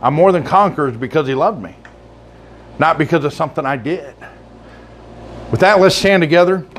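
A man's voice: on the high side, moderate pace, a little hiss or hum. A man preaching a sermon to his congregation, earnest and repetitive, with frequent restarts. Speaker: pastor. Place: church sanctuary.

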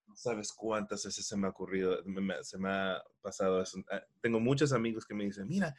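Animated man, dubbing director. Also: on the low side, brisk. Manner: animated storyteller, acts out quoted exchanges. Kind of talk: casual conversation.

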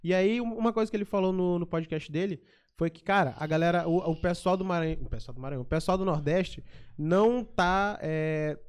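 A man's voice: high voice, brisk, smooth. A man hosting a casual podcast, speaking in a loose, slangy way with frequent restarts.

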